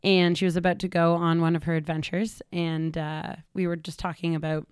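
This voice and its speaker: A woman's voice: fairly low pitch, level tone, a little fast, a little mellow, clear, resonant tone, dry recording, studio quality. Upbeat woman guest from Toronto. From Toronto, Canada. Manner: upbeat, laughs easily. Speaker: podcast guest. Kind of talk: casual interview chat.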